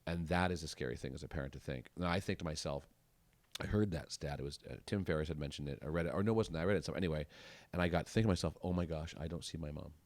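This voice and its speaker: A man's voice: rumbling low, very fast, darkish tone, no room sound. A man hosting a podcast, telling rambling anecdotes and acting out other people's lines. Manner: rambling, chatty storyteller acting out quotes. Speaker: podcast host. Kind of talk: podcast interview conversation.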